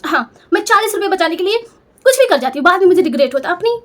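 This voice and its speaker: A woman's voice: extremely high pitch, animated, fast. A young woman telling a personal story in an emotional, confessional, self-reproaching way. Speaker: storyteller vlogger.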